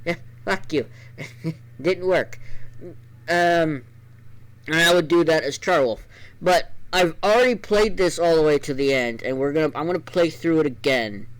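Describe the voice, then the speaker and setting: A man streamer telling a casual story before a let's play, rambling with restarts, his voice a bit gravelly. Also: a little high, moderate pace, poor audio. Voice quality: normally gravelly voice.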